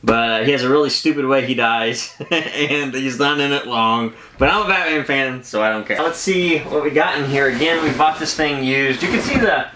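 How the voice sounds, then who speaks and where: A man hosting a collectibles unboxing channel chats casually and rambles, often interrupting himself. His mid-range, sharp voice moves at normal speed with few pauses. The echoey room has some background noise.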